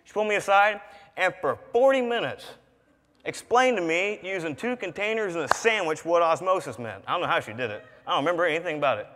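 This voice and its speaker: High-voiced young man preaching in a hall. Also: quick pace. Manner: animated, shouting for emphasis. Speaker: student preacher. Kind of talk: sermon. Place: large church sanctuary. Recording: reverberant church hall.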